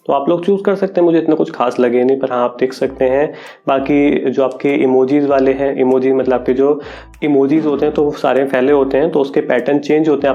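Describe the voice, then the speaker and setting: A relaxed young man chats through gadget features in a casual vlog, pausing now and then to think aloud. His voice is mellow and dark, and the recording sounds a little dull and lo-fi. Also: medium pitch. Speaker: tech YouTuber. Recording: dull lo-fi audio.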